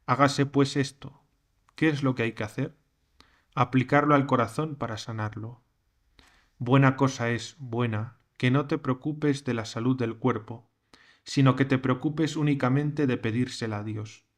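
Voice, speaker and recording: A man's voice: medium pitch, measured pace. Man reading an old sermon aloud. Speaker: reader of a recorded sermon text.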